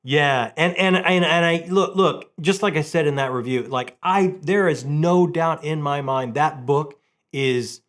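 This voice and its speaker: A middle-aged man hosts a book review channel, chatting casually and enthusiastically and repeating phrases for emphasis. His voice is fairly high and a bit bright, and he talks a little slowly.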